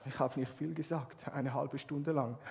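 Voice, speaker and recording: A man preaching a sermon, swinging from hushed, quiet passages to loud, impassioned ones. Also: mid-range voice, fairly even intonation, unhurried, vocal fry. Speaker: pastor. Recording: hall reverb.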